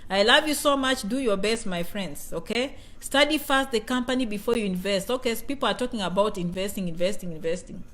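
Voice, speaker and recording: A woman with a Kenyan accent speaks a little fast in a mid-range, slightly bright voice, with few pauses. She's a vlogger chatting casually on a livestream, reading comments, repeating herself, and constantly asking "you know?" and "okay?"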